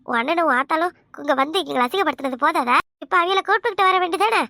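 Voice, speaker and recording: A shrill, gravelly village mother-in-law, voiced by a woman with a Kanyakumari Tamil accent, firing off scornful insults at speed. Her voice is sharp and very high, recorded close and dry, like a cartoon comedy dub. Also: expressive, rapid-fire, no room sound, exaggerated voice. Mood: scolding. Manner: scornful, scolding, harsh insults.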